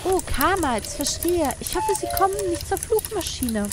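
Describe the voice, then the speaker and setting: A woman plays a polite, curious little girl in an adventure game. The childlike voice is extremely high and swings in pitch, over clear background noise. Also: big pitch swings, moderate pace. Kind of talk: game dialogue read aloud.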